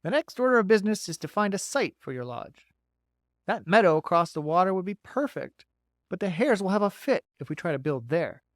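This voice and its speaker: A man's voice: high voice, sing-song, a little fast, no room sound, studio quality, pitched above the performer's own voice. A man voicing a friendly, talkative male beaver who eagerly gives folksy advice in an audiobook. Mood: chatty. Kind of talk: audiobook character voice.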